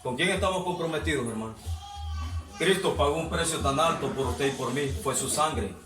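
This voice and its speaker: A man preaching a sermon to his congregation, exhorting and asking them questions, his voice rising to shouts. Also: on the high side, a little fast, music in the background. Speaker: pastor. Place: church hall. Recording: echoey hall, mic far off.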